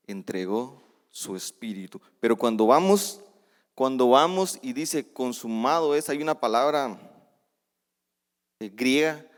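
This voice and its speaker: A medium-pitched male preacher gives a sermon in a church sanctuary, reading scripture and explaining it, with the long reverb of a church hall. He moves between hushed readings and loud, emphatic outbursts, tossing in casual asides and correcting himself.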